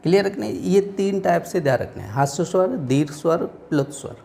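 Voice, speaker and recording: A man's voice: high voice, animated, a little fast, gravelly, warm tone, a little hiss or hum. A male teacher with a northern Indian Hindi accent, giving a classroom lecture and often quizzing listeners with rhetorical questions.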